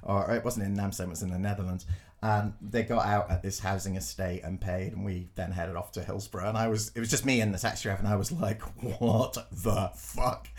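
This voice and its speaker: Guy on a podcast, lowish voice, tells stories, does little voices, swears and laughs a lot. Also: fast. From Glasgow, Scotland. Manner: animated, acts out quotes, laughs often, swears. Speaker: podcast co-host and design teacher. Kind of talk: casual storytelling chat.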